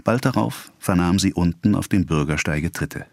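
Man reading a novel audiobook, really deep voice, dry close mic. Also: normal speed, gravelly, a little mellow, no room sound. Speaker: audiobook narrator. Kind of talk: scripted narration of a novel.

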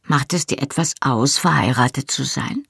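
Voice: medium pitch, normal speed, creaky, fairly bright tone, breathy edge, no room sound, clean studio sound, full character voice. An audiobook reader voicing a small, curious young boy who asks questions hesitantly.

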